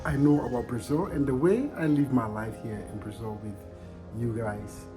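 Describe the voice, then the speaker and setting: Speaking at a moderate pace and medium pitch, a Ghanaian-accented vlogger talks to viewers in personal vlog narration. The tone is reflective and conversational, with points repeated for emphasis, over background music.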